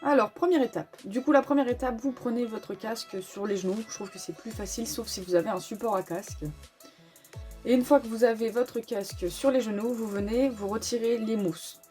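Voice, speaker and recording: In an informal motorcycle gear tutorial set to music, a woman with a slightly high, dark voice speaks fairly quickly. She names every step as she goes and explains each one.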